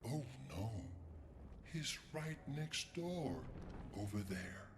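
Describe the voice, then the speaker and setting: An actor playing a gentle, naive fantasy creature in a video game, speaking with theatrical melodrama. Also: male voice, on the high side, big pitch swings, slow pace, noisy background. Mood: melodramatic. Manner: theatrical, dramatic emphasis, naive.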